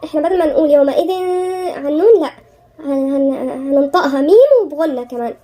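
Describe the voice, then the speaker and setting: A woman with an Egyptian Arabic accent teaching tajweed. She chants verses slowly, then explains each rule quickly, step by step. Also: high voice, warm tone. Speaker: Quran recitation teacher. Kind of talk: tajweed lesson.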